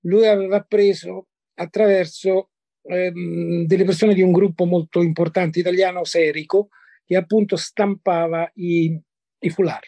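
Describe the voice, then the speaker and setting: A man's voice: sits high, little pitch movement, a little slow, warm tone, dry recording. An older man from Italy recalling past encounters as a guest, hesitant, with many fillers and repeated words. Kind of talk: conversational recollection.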